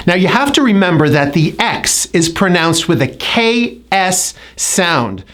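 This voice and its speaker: A North American woman leads a pronunciation lesson at an unhurried pace. Her pitch moves a lot as she models each word, and she draws out the stressed syllables so every sound is plain. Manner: models words slowly and clearly, stretching stressed syllables. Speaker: pronunciation coach.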